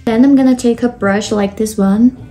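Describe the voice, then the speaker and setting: Soft background music accompanies a young Brazilian makeup vlogger whose fairly high voice has a dark tone, fairly even intonation and a moderate pace. Speaking with a Brazilian Portuguese accent, she explains each step of the tutorial and uses "like" a lot.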